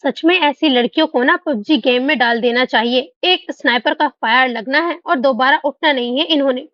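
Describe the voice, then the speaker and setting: A woman's voice: sits high, normal speed, no echo, natural voice. Indignant young woman, narrator voicing; dull recording. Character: touchy, indignant young female student.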